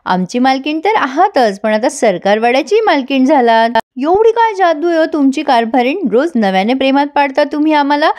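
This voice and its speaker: A woman's voice: sits high, very animated, normal speed, few pauses, a little mellow. A woman voicing a doting, romantic young husband speaking affectionately. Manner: affectionate, formal.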